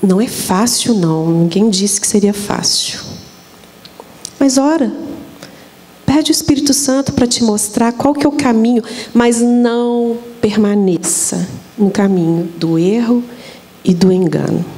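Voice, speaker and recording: A Brazilian woman with a warm, mellow voice, speaking as a guest at a church event. She addresses the audience earnestly and in a pleading, preacher-like way. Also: a little high, unhurried, poor audio. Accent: Brazilian Portuguese. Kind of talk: exhortation at a church talk show.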